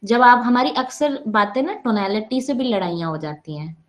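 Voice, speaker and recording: A woman with a Pakistani Urdu accent and a slightly high voice leads a workshop lecture. She walks her listeners through each point step by step and slips English terms into her speech. She checks in often to make sure they are following. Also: moderate pace. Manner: explains step by step, often checks in with "ठीक है?" and "right?". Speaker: psychology workshop trainer.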